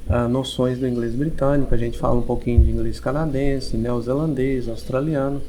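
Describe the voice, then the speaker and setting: A man with a Brazilian Portuguese accent, an English teacher giving long, measured explanations as a podcast guest, often restarting his sentences. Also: medium pitch, fairly even intonation, dark tone, a little hiss or hum. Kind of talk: podcast interview.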